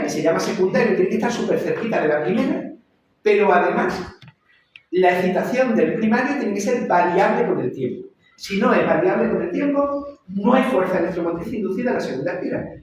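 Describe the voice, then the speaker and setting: Man, lecturer, repeats and checks in, high-ish voice, distant mic. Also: lively intonation, brisk, a little mellow, slight background noise. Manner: repeats and checks understanding with "¿vale?". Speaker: university lecturer. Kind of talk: classroom lecture. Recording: echoey room, voice far from the mic.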